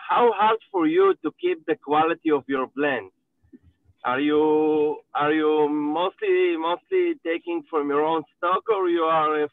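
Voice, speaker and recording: A man's voice: a little high, dry recording. A man calling in over a car speakerphone while driving, asking a polite, hesitant question with a few restarts. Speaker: audience member asking a question. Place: inside a car. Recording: tinny phone line from a car.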